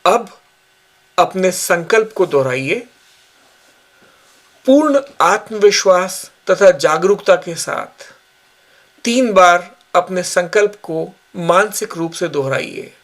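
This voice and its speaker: A man who teaches yoga leads a yoga nidra relaxation session in a voice that sits high. His instructions are slow, calm, and measured, with long pauses between them.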